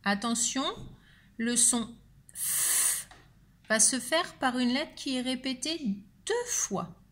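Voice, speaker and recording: A woman teacher giving a spelling dictation, speaking slowly and deliberately and repeating each word with care. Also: sits high, animated, a bit bright. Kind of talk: slow spelling dictation lesson.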